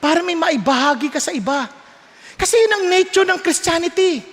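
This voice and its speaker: High-voiced Filipino pastor in a hall. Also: male voice, a little fast. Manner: animated storytelling, laughs often, mixes Tagalog and English. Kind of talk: sermon. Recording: long hall reverb.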